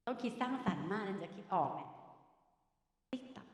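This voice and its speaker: Woman teacher, middle-aged, lively quiz game, slightly high voice, long hall reverb. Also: moderate pace. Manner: animated, coaxing students, calls them "ลูก". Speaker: university teacher.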